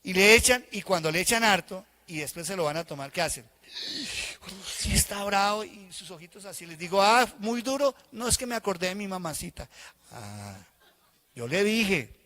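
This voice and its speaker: A man's voice: sits high, normal speed. A male pastor preaching a sermon in a church, acting out the voices of people he quotes. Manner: animated, acts out congregants' voices in quotes.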